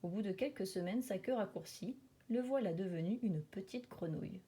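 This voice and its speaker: Une femme lit un livre documentaire sur la nature pour enfants, comme une conteuse expressive qui souligne certains mots avec emphase. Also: female voice, medium pitch, moderate pace, slightly rough. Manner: storytelling, dramatic emphasis on repeated words and sound words. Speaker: reader of a children's nature book. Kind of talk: expressive nature documentary narration, read aloud for children.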